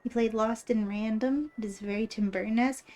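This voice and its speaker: A woman's voice: on the high side, fairly even intonation, brisk, darkish tone. A woman with a cute, bubbly anime-streamer delivery, chatting casually on a livestream. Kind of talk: casual livestream chat while drawing. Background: background music.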